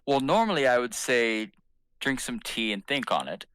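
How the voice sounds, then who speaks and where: A man's voice: mid-range voice, big pitch swings, normal speed, a bit bright, smooth, dry recording. A man voicing an ancient male fey troll who fusses hospitably over his guest in a tabletop game. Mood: hospitable.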